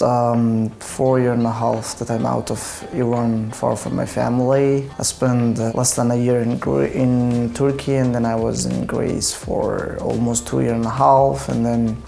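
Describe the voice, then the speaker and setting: A young man from Afghanistan, speaking earnest, reflective, halting second-language English as a yoga teacher in a documentary interview. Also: medium pitch, level tone, creaky, dark tone. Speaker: yoga teacher and project founder.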